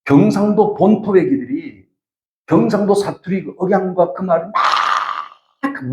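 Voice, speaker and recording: Guy lecturing a room, high voice jumping all over, keeps quizzing the crowd, echoey hall. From Gyeongsang region, South Korea. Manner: animated storytelling, questions the audience directly. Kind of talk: lecture to a live audience.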